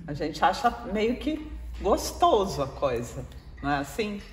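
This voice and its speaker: In an echoey hall with faint background noise, a woman with a Brazilian Portuguese accent delivers an informal spiritual talk. Her fairly low voice is very animated and a little slow. She keeps engaging the live audience and asking them to respond.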